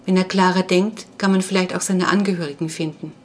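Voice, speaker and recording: A woman reading the part of a caring, persuasive middle-aged mother in an audiobook, calm and reasoning. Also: lowish voice, a little fast, lightly acted. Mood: earnest.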